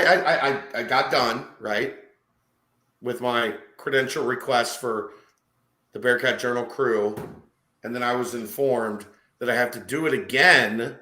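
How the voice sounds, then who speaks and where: A man co-hosting a casual sports podcast, with a bright, forceful tone and dry, deadpan asides. His voice carries a roomy echo, as if he sits in a bare room on a call. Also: medium pitch, moderate pace. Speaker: podcast co-host.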